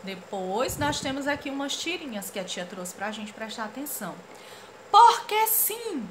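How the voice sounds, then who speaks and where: A Brazilian woman teaches a children's grammar lesson in a bright, high voice. Her pitch leaps around as she acts out comic dialogue playfully. A faint hum of room ambience sits behind her. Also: expressive, moderate pace. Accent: Brazilian Portuguese. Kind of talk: lively classroom lesson for children.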